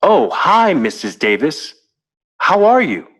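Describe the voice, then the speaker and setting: An actor playing a friendly young male student in a scripted textbook dialogue, speaking clearly and deliberately. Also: a little high, big pitch swings, a bit bright, exaggerated voice.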